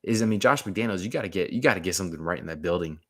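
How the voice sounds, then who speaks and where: Deep-voiced man ranting casually about football. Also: lively intonation, very fast. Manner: rambling, slangy, frequent "man" and "dude". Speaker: sports commentator. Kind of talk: casual sports talk.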